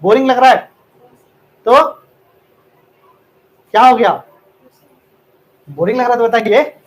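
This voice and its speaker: High-voiced teasing male classroom teacher. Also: low-quality recording. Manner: teasing, drills students with quick repeated questions. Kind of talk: classroom lecture. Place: classroom with students.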